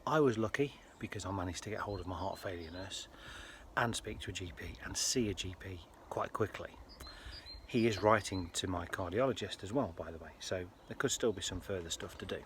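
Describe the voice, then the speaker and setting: A British man with a fairly low voice speaks to his viewers in a relaxed personal vlog, sounding earnest and a little halting. He's a health vlogger, his sound is slightly bright, and faint ambient noise sits in the background.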